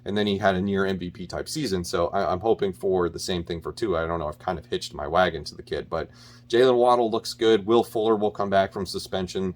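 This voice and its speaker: A man's voice: deep voice, fairly even intonation, brisk. A man talking through his weekly football picks in a casual, opinionated way, with frequent ums and restarts. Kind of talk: casual solo sports picks talk.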